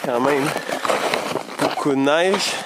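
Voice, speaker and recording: Bilingual realtor, man, Quebec French accent, slow and measured delivery, outdoor walking tour with steady background hiss. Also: on the high side. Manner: slow, measured, walking while showing around. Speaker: real estate agent. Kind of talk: bilingual property video tour. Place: outdoors in deep snow on a lakeside property.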